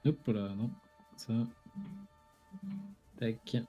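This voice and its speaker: A man's voice: on the low side, drawn-out words, dark tone, breathy edge, faint music behind. A man acting as game master, casually narrating a tabletop role-playing game.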